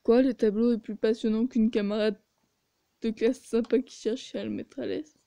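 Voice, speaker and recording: A woman's voice: on the high side, fairly even intonation, moderate pace, vocal fry, warm tone, no room sound. A woman reading a story game aloud and adding sarcastic asides. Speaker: video game player.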